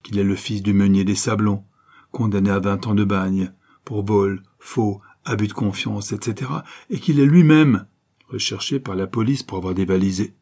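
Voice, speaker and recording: A man's voice: lowish voice, steady tone, normal speed, slightly rough. A man voicing a ruthless, scheming adventuress who gives orders with menace, reading an audiobook. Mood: threatening. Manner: menacing, imperious, rising to shouts. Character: ruthless scheming adventuress, cold, commanding woman. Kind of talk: audiobook character voice.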